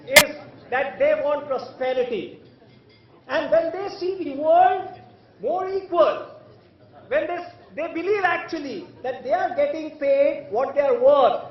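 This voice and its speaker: Very high-pitched man speaking in an echoing hall. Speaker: conference keynote speaker. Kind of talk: podium speech to an audience. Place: large event hall. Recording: echoey hall, distant mic, muffled.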